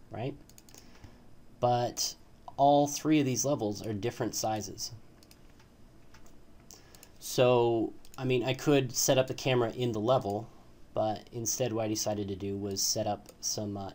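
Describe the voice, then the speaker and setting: Low-voiced man talking through code. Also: a little mellow. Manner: hesitant, frequent fillers and "right?" tags. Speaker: tutorial host. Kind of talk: casual screen-recorded coding tutorial.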